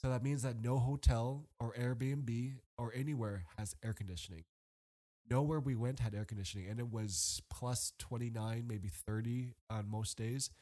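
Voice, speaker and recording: A man's voice: mid-range voice, normal speed. A man, a podcast guest, chatting casually and telling stories animatedly, rambling with lots of restarts and fillers. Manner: animated storyteller. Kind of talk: casual chat.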